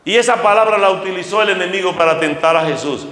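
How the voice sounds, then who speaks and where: High-voiced pastor preaching in an echoey church. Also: male voice. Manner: preaching with lively swings between slow emphatic lines and quick asides. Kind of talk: sermon. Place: church sanctuary. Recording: echoey church hall reverb.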